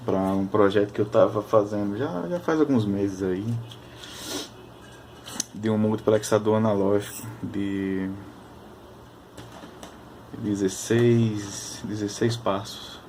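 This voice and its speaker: A man chatting casually at his workbench, explaining technical details while thinking aloud, often pausing and restarting. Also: fairly low pitch, mellow, a little hiss or hum. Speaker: electronics hobbyist.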